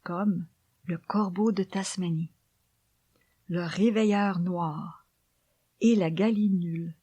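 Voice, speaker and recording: A woman reading memoir and poems in a soft, hushed library whisper, with slow, deliberate phrasing. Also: fairly low pitch, fairly even intonation, breathy edge, no room sound. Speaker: author reading her own book.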